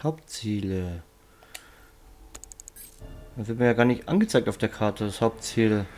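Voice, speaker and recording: A man's voice: lowish voice, animated, a little slow, darkish tone, faint music behind. A man giving casual let's play commentary, muttering puzzled asides to himself. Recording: clear game noise behind voice. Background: video game sounds.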